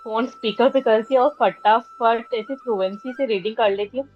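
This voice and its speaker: A woman student speaks plainly and matter-of-factly to her teacher. Her voice is a bit high. The sound is dull and muffled, with faint music underneath. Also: normal speed. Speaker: tarot student. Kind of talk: casual question to teacher.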